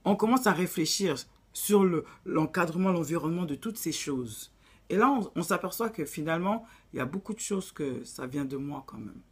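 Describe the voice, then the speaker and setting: A woman's voice: on the low side, expressive, moderate pace, breathy edge. A woman with an African accent giving blunt, preachy relationship advice in a casual vlog, dropping in English phrases.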